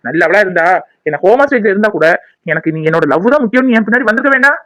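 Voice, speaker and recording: A jilted young man in a cartoon drama speaks with bitter accusation, his voice high and rapid. The sound is close and dry. A man acts him out. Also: lively intonation, a bit bright, dry recording, poor audio.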